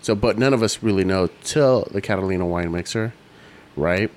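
A man's voice: low voice, moderate pace. A man in casual chat, retelling a movie scene by scene, swearing freely and acting out the characters' lines. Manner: animated, swears, acts out characters' lines in shifting voices.

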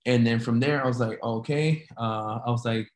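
A man's voice: mid-range voice, fairly even intonation, moderate pace. A man telling a story casually, rambling with lots of restarts. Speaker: storyteller recounting an injury. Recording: echoey room.

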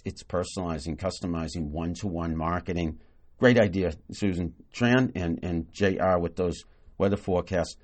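On his own podcast, a man with a lowish, warm voice rambles enthusiastically about marketing. He praises freely and speaks casually, with plenty of fillers and false restarts.

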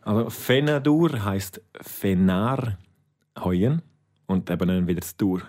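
A man with a very low voice leads a casual language lesson. He is patient and says each word slowly, again and again. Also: a little mellow. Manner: patient, repeats words slowly. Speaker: Romansh teacher.

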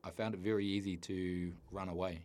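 A man with a New Zealand accent and a very low, deep voice. He speaks earnestly, often pausing and restarting his sentences as he tells his own story. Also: steady tone, a little mellow. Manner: earnest, halting with many restarts. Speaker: guest. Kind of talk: candid personal story.

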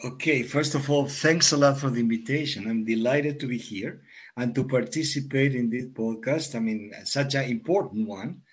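A man answers interview questions in a halting way, often repeating himself as he starts a sentence. His voice is an everyday mid-range male pitch. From Argentina. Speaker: guest, executive coach.

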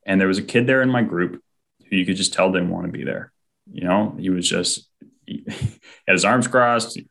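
A man's voice: deep voice, normal speed, gravelly, fairly bright tone. A man telling an earnest personal faith story as an interview guest, often acting out what people said. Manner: heartfelt, often acts out quoted speech.

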